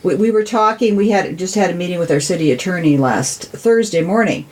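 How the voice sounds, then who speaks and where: A city council member from the United States, interviewed on a podcast, talks conversationally and earnestly, repeating words for emphasis. She speaks briskly in a lowish voice with a darkish tone.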